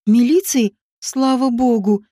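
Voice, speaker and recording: A woman's voice: on the high side, slow, dark tone, no room sound, studio quality. A woman voicing a trembling, frightened guest. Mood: shaken. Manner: trembling, breathless, fearful. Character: frightened, startled female guest.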